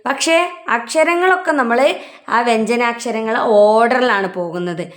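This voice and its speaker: Woman teacher, Malayali accent, slow, raised-pitch alphabet lesson voice, asks and answers herself. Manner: asks then answers herself, drawn-out syllables. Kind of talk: letter lesson for children.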